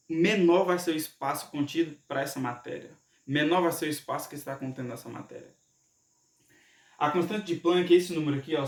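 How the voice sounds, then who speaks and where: A man teaching a casual science lesson, talking informally and often checking in with the listener. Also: a little high. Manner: informal, frequent "né?" tag questions and restarts. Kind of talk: explanatory lesson. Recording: echoey room, voice from far off mic.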